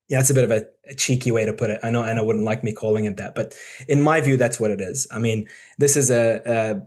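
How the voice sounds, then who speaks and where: A man in his forties gives an informal talk to fellow doctors in a low, easygoing voice. He speaks conversationally, with frequent ums and restarts while he thinks aloud. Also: a little mellow. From born in the UK, raised in Dubai and New Zealand. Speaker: surgeon giving a talk. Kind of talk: casual presentation to peers.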